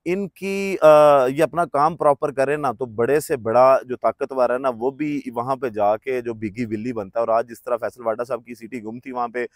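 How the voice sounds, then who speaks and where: A man's voice: mid-range voice, normal speed, few pauses, dry recording, clean studio sound. A man, from Pakistan, giving solo political commentary in a conversational way with many hesitant filler sounds.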